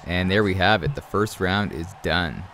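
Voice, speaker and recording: Speaking low at a moderate pace, with a slightly bright tone, this gaming commentator is a young man from Canada who has a cold. He chats casually through his gameplay and keeps addressing listeners as "guys" and "man."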